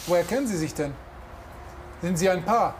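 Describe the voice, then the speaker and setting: A man's voice: sits high, lively intonation, moderate pace, a loud crowd. A man playing a firm, questioning police officer in a reality drama. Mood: probing. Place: greenhouse garden centre. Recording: noisy location sound.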